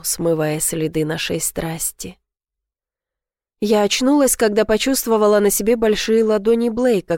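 A woman narrating a first-person romance audiobook in a soft, unhurried, intimate reading. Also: fairly low pitch, dry recording, clean studio sound.

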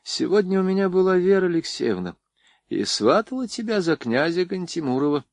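A man's voice: high-pitched, very animated, brisk, creaky, no room sound, clean studio sound, voice pushed up, full character voice. A man voicing a proper, mildly stern mother. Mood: gentle, stern. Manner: gentle but reproachful.

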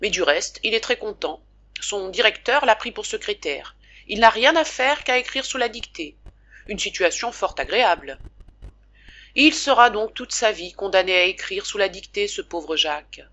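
A woman's voice: mid-range voice, expressive, moderate pace, bright, forceful tone. A woman reading the part of a talkative, affectionate father who fusses over his sick son. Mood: chatty, scolding. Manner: chatty, scolding fondly. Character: doting talkative middle-aged father.

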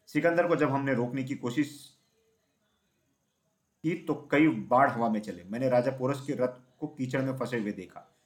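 Male storybook narrator, steady and even, mid-range voice. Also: medium pitch, moderate pace. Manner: steady, even reading with small slips.

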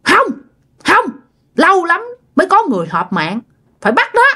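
Brief: cruel drowned male ghost in a spoken ghost story, a woman putting it on, lively swooping pitch. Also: moderate pace, full character voice. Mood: menacing. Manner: menacing, then pleading.

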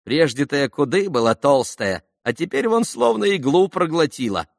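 A man's voice: fairly high pitch, animated, moderate pace, gravelly, no echo, studio quality, pitched above the performer's own voice. A man voicing a crude, simple-minded middle-aged woman in an audiobook, speaking in a coarse, blunt, folksy way.

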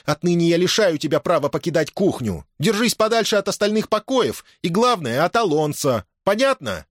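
A man voicing an angry, devout noble mother who scolds her son and a servant in a raised falsetto. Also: sing-song, moderate pace, no echo, clean studio sound. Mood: scolding. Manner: scolding, commanding.

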